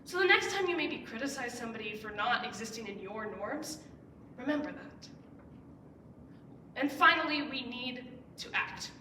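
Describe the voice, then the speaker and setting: Bright young woman giving an earnest speech. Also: a little high, expressive, normal speed, long pauses, slight background noise. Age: late teens. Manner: earnest, with emphatic rising stresses. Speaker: student speaker. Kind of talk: persuasive speech. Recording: roomy echo, heard from some distance.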